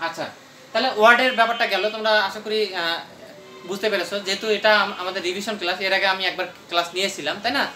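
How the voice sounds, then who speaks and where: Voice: mid-range voice, bright, forceful tone, reverberant, faint music behind. A teacher explaining a grammar lesson in a classroom while writing on the board, often asking a question and answering it. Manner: explains slowly, asks and answers its own questions. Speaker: English teacher.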